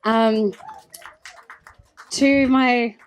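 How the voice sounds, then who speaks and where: A woman in her thirties giving a heartfelt, tearful wedding speech, halting and restarting as she speaks. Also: fairly high pitch, steady tone, clear, resonant tone. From Australia. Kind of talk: emotional wedding thank-you speech.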